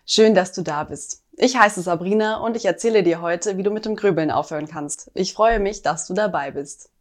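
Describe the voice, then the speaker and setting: A woman hosting a podcast in a calming, sleep-story style of guided relaxation, addressing the listener intimately in short, measured instructions. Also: on the low side. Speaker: podcast host.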